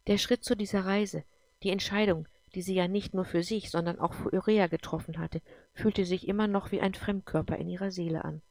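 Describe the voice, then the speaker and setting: Brief: female audiobook narrator, gravelly texture, dry close recording. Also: medium pitch, brisk, dry recording. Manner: even, storytelling delivery. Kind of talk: scripted narration.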